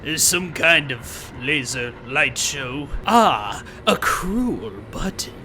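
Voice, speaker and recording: A man's voice: a little high, big pitch swings, takes it slowly, background noise. A man hosting a game playthrough while putting on a pompous, gloating male villain who is a demon-pact scientist, talking theatrically and sarcastically and stretching out dramatic words. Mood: sardonic. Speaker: let's play host. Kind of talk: villain-persona game commentary.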